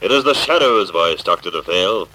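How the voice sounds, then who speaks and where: An actor playing an unseen, menacing crime-fighter, accusing and commanding in a theatrical old radio drama style, through a filtered voice. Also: male voice, low-pitched, expressive, normal speed, sharp tone, a little hiss or hum, poor audio. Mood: menacing, probing. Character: unseen avenging crime-fighter, menacing, mocking invisible man. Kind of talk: vintage radio drama acting.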